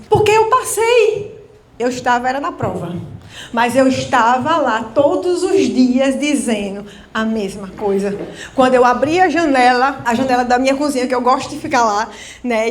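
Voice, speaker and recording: High-voiced Brazilian woman giving a heartfelt testimony. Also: echoey room. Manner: heartfelt, repetitive storytelling, acting out her own prayers. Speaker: entrepreneur speaking at an event. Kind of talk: personal testimony talk to an audience. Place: event venue.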